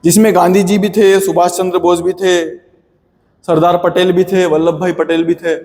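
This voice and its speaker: A man's voice: sits high, level tone, moderate pace, a little mellow. Chatty male teacher in a reverberant room. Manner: chatty, addresses students as beta. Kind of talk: classroom history lecture.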